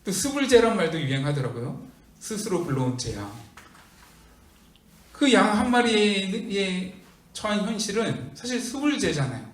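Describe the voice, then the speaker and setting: A man's voice: high voice, very animated, a little slow, echoey room, far from the mic. A man pastor preaching a sermon, with emphatic storytelling and rhetorical questions. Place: church hall.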